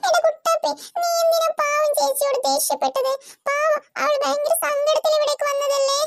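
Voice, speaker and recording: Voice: very high voice, flat delivery, fairly quick, creaky, background noise. A performer voicing a bossy young girl in a cartoon who scolds her little brother.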